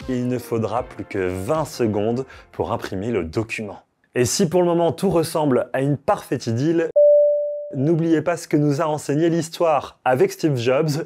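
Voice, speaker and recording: Male tech host, slightly raised pitch; scripted, playful explainer read over faint background music. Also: darkish tone. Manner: playful, jokey asides to viewers.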